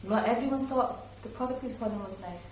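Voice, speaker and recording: Female workshop trainer, animated, acts out examples; distant, echoey room recording. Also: fairly high pitch, fast talker, a little hiss or hum. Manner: lively, acts out example speakers. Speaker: teacher trainer.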